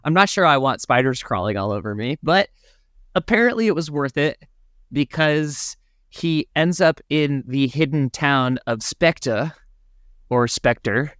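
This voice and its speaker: A man co-hosting a podcast, recapping a film in casual chat as a playful, animated storyteller. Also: a little high, unhurried, clear, resonant tone, no echo, clean studio sound. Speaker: podcast co-host.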